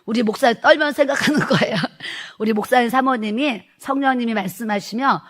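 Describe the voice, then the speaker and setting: A woman's voice: fairly high pitch, brisk. A middle-aged woman, a pastor's wife, retelling a church testimony in a sermon, acting out the quoted speech and laughing as she goes.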